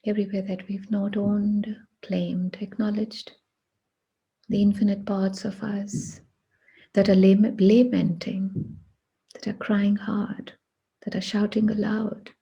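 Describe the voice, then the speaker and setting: A woman guides a meditation in a very husky, breathy voice that is soft and mellow, mid-range in pitch. She goes very slowly, pausing at length between short phrases, in a hushed, deliberate, flat delivery. The recording has its highs cut off.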